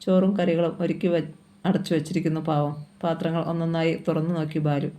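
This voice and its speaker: A storyteller reads a short story aloud at a steady, even pace. The voice sounds dark and mellow, and the pitch stays flat and level from line to line. It is plain, scripted narration. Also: fairly quick. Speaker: story reader.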